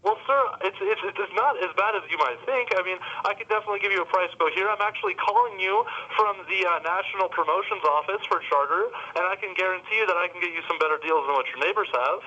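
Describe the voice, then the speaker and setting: A man selling cable over a dull, muffled phone line, speaking fast in a high, bright voice. He is polite and stumbles over his words, repeating sir throughout. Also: animated. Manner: polite, stammering, keeps saying sir. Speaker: cable sales rep. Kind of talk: sales phone call.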